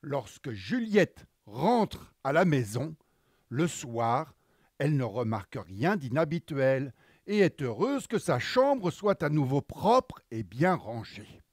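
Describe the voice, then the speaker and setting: A man tells a children's story in a high voice with lively swings of pitch. He takes his time, narrating in an animated style. The sound is dry and close. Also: slow, dry recording.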